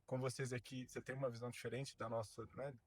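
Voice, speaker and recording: A man's voice: medium pitch, little pitch movement, fast talker. Thoughtful Brazilian man, podcast guest. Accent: Brazilian Portuguese. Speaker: podcast guest, tech entrepreneur. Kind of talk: casual podcast conversation.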